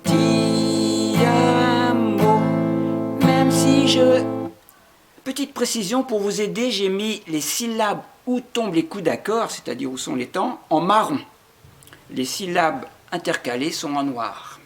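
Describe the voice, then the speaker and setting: A man's voice: high voice, lively intonation, normal speed. A man teaching a guitar lesson step by step, patiently explaining chords and rhythm and singing short phrases to demonstrate. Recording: guitar playing along.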